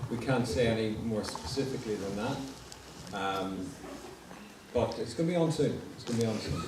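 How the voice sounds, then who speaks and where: A man's voice: on the low side, normal speed. A man on a Q&A panel giving a cagey, joking answer. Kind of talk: casual Q&A answers. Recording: echoey hall from far off, noise.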